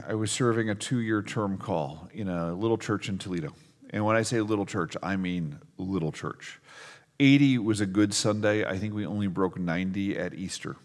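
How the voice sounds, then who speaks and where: A middle-aged pastor preaches to his congregation conversationally, leaning hard on key words with emphatic stresses. His voice is fairly low, and the sound carries the feel of a big room.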